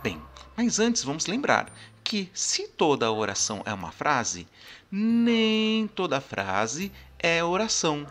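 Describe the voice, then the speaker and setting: A man's voice: a little high, huge pitch swings, takes it slowly, fairly bright tone, soft background music. A man teaching a grammar lesson, explaining step by step and often checking in with his listeners. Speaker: language teacher.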